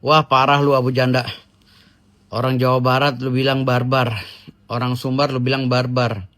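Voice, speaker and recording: A man's voice: medium pitch, level tone, moderate pace, fairly bright tone. A man delivering a heated, scolding rant straight to the camera. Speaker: commentator. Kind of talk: angry video rant.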